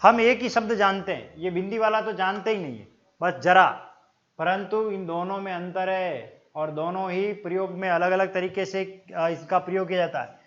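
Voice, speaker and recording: A man with a Rajasthani Hindi accent teaching an exam-prep Hindi grammar lesson, explaining slowly and repeating words to stress how they are pronounced, calling his viewers friends. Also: sits high, fairly bright tone. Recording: dull lo-fi sound.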